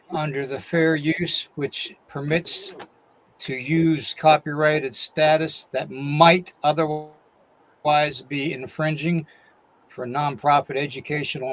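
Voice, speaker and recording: A man whose voice is on the high side and a bit bright hosts a live-stream podcast, captured in a low-quality recording. Saying he's losing his voice, he reads through a long disclaimer and then welcomes chat viewers by name, one by one.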